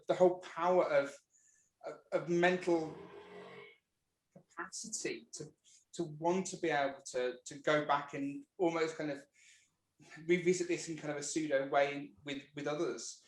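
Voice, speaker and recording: A man hosting an online meeting, enthusiastic and halting, often repeating words. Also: a little high, roomy sound, rough recording. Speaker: host.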